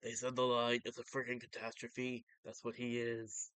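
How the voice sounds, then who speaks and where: Smooth-voiced man giving casual manga commentary. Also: mid-range voice, completely flat delivery, moderate pace, a bit bright, no room sound. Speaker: vtuber reading and commenting on manga.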